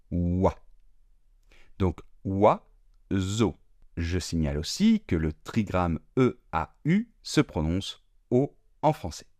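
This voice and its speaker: A man teaching French pronunciation slowly and deliberately, drawing out sounds and repeating each word. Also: lowish voice, no room sound, clean studio sound. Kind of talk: slow, careful pronunciation lesson.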